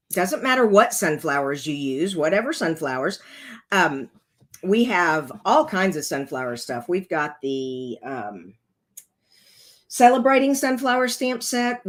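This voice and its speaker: A woman with a congested, rough voice walks viewers through making a card, chatting casually as she goes. Her voice is mid-range with a fairly bright tone.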